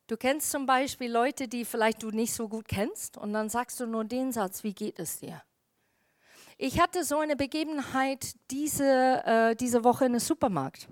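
A woman pastor preaches in a slightly high voice and brings her stories to life by acting out what people say. The sound is dry and close. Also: normal speed, hardly any pauses, dry recording. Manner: storytelling, acts out quoted dialogue. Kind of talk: sermon.

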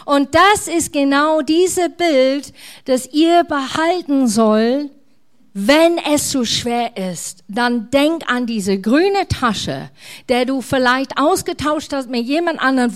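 A middle-aged woman pastor, preaching a sermon in a warm, conversational way. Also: high-pitched, lively intonation, slow.

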